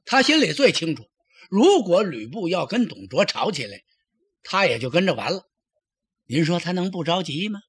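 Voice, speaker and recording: A man narrating in a traditional storytelling style, lively and dramatic, addressing the listener directly. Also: sits high, moderate pace, husky.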